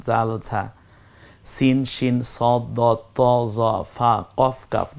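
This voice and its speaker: A man's voice: medium pitch, darkish tone. A man teaching Quran reading, asking questions and answering them himself while spelling out letters one at a time. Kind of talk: step-by-step recitation lesson.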